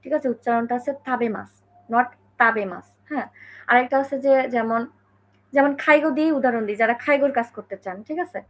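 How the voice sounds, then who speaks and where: A woman's voice: sits high, quick pace. A woman from Bangladesh giving a casual spoken lesson, talking in a conversational way and often checking in with the listener. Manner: conversational, many fillers and check-ins. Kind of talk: casual explanatory talk.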